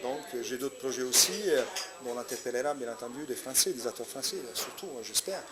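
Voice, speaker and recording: A man's voice: mid-range voice, quick pace. Italian-accented man over crowd chatter. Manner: hesitant, many fillers and restarts. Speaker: comedian guest. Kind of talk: interview answers. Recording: loud crowd chatter behind.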